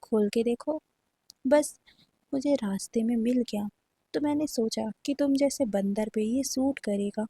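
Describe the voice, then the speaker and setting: Give me a woman playing a playful, teasing young man, slightly high and husky. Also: unhurried, warm tone. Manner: teasing, bantering.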